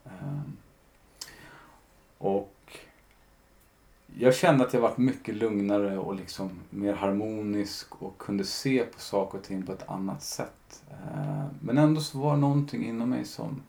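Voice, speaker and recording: A man's voice: lowish voice, creaky, mellow. A man, a podcast guest, telling his own story in a candid, reflective way, often retelling conversations with lots of fillers.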